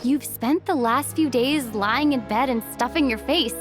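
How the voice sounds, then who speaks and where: An actress playing a calm young female traveler with dry, wry remarks. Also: sits high, moderate pace, loud music behind the voice, lightly acted. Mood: teasing.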